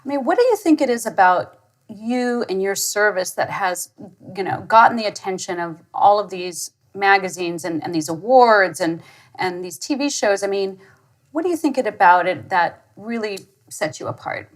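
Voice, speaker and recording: A woman hosts an interview, asking long friendly questions. She is supportive and often answers with soft murmurs of agreement. Her voice sits at a mid pitch. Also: lively intonation, normal speed. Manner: supportive, frequent soft backchannels. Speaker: interview host. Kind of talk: conversational interview.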